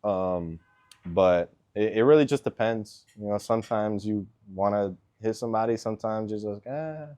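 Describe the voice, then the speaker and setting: A man in his twenties, born in Venezuela and raised in Miami, answering interview questions as an NFL kicker in a relaxed way, with lots of filler words. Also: fairly low pitch, normal speed. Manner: laid-back, lots of ums and likes.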